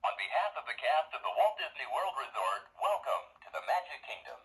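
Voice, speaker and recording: A man's recorded monorail announcement played over a loudspeaker, delivered as a polite, measured transit message. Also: a little high, very animated, low-quality recording.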